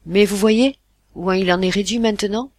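A self-important ship captain, read by a storybook narrator, answering curtly and loudly, plainly irritated by the questions. The husky voice stays dismissive and clipped throughout. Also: medium pitch, steady tone, moderate pace, dry recording, close to an everyday voice. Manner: curt, loud, dismissive.

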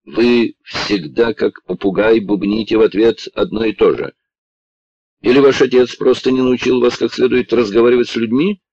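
A man reading an audiobook and voicing a cold, commanding gentleman who speaks in a stern, clipped manner. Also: medium pitch, steady tone, moderate pace, lo-fi sound, voice pushed up, close to an everyday voice.

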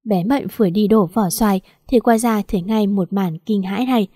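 Warm, dry-voiced woman reading a story. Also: mid-range voice, a little fast, no echo. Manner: smooth, steady storytelling. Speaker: narrator.

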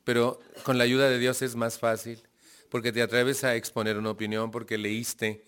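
A man's voice: medium pitch, flat delivery, moderate pace, a bit bright, clear, resonant tone. A man with a Mexican accent giving a testimonial talk to a group, telling his story with acted-out dialogue and questions to the audience. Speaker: speaker sharing his recovery story.

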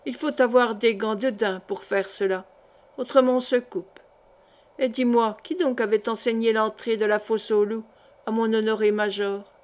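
Teasing older colonel, jovial and mocking, read by a woman in an audiobook, slightly high pitch. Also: steady tone, normal speed, a little mellow, natural voice. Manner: bantering, mocking.

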